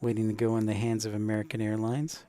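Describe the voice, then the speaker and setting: A man's voice: on the low side, completely flat delivery, fast talker, dark tone. Casual man hosting a livestream. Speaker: livestream host. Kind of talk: casual live planespotting commentary.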